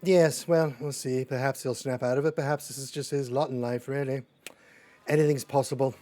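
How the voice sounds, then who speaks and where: A man's voice: mid-range voice, fairly even intonation, a little fast, mellow, no room sound. A man roleplaying a polite telegram agent, talking in a rambling, hesitant way with many fillers and restarts. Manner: polite, addresses others as sir. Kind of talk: in-character roleplay chat.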